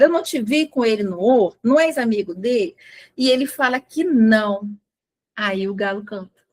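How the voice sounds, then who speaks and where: Woman, higher-pitched voice, earnest spiritual study talk, retells scripture with restarts. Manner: earnest storytelling, voicing quotes with restarts. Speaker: study group speaker.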